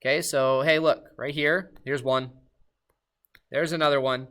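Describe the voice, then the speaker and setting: A man giving a recorded math lesson, upbeat and talking straight to his students with quick questions. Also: medium pitch, fairly even intonation, fairly bright tone. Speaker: math teacher.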